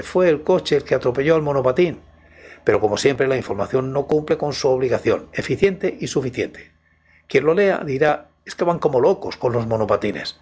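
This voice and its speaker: A man's voice: a little high, a little mellow, slightly rough. A man with a Spain Spanish accent narrating in the first person as a storytelling host.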